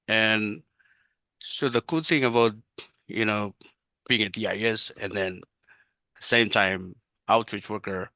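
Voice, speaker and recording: A man working as a public health outreach worker, answering on a webinar panel in a halting way with many restarts. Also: fairly low pitch, sharp tone, smooth, dry recording.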